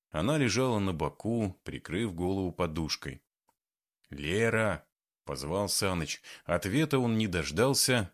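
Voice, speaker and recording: Audiobook narrator, low male voice with lively intonation. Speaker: audiobook reader. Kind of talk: scripted narration.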